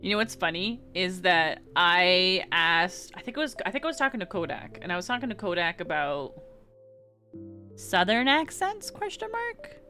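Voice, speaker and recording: A woman with an American West Coast accent reads live chat during a game stream, chatting casually with viewers, giggling and rambling with many restarts. Her fairly low voice is sing-song, bright, and forceful at normal speed, with soft music in the background.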